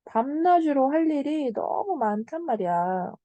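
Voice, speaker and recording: A young woman with a fairly high, mellow voice gives an online literature lesson. She explains patiently, checks in with her student and slows down on key terms. The sound is close and dry. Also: big pitch swings, dry recording, highs cut off. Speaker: Korean literature tutor. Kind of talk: online lecture.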